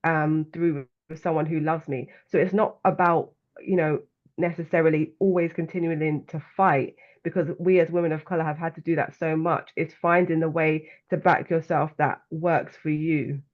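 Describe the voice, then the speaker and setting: A woman's voice: low-pitched, steady tone, moderate pace, lo-fi sound. A woman with a London accent, a guest author and coach, speaking earnestly and reflectively in a conversational interview. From London, England.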